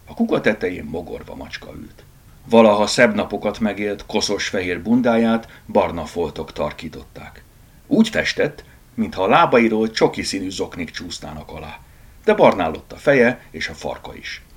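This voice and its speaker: A man's voice: on the low side, animated, husky. A man narrating a children's animal story as an audiobook reader, telling it expressively. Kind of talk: scripted narration.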